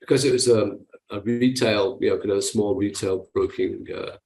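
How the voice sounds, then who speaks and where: A man's voice: lowish voice, fairly even intonation, normal speed, gravelly, darkish tone, reverberant, rough recording. Hesitant older man with a Manchester accent. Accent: Manchester English. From England. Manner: hesitant, many fillers and restarts. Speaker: guest investor. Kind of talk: interview conversation.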